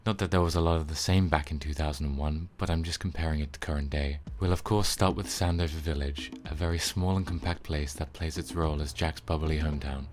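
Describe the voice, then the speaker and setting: A man's voice: very deep voice, steady tone, brisk, few pauses, a little mellow, slight background noise. A man reading scripted video game review narration in an informal, wry way.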